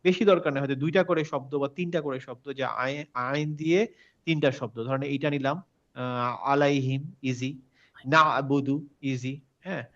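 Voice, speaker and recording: A man's voice: mid-range voice, normal speed. Patient male recitation teacher on a call. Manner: patient, checks understanding with questions, mixes in English words. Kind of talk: online class recap. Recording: dull lo-fi call audio.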